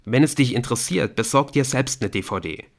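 A man's voice: mid-range voice, animated, brisk. A man reading an audiobook, voicing an irritable, defensive teenage boy who talks in a brusque, snappish way. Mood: curt.

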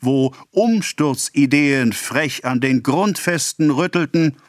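A man voicing a pompous male government official, declaiming a speech slowly and loudly in an audiobook reading. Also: a little high, no room sound, clean studio sound, voice pushed up. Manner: declaiming, slow and loud.

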